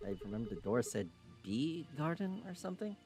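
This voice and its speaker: Animated man streamer, lively voice. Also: mid-range voice, a little fast, faint music behind. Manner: animated and excitable, swears casually. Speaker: streamer and host. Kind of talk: casual chat while live-streaming a game.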